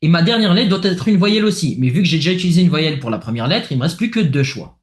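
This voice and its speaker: A man with a French accent walks through a math exercise in a casual, think-aloud way, full of small fillers. His voice sits a little high for a man. The sound is roomy and echoey. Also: sing-song, fast. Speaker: math tutor. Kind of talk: worked exercise explanation. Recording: echoey room.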